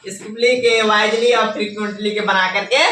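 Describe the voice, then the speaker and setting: Male classroom teacher, bright, forceful voice, call-and-response drilling; distant mic, echoey room. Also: high-pitched, steady tone, slight background noise. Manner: drills students with quick call-and-response questions. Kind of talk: classroom grammar lesson.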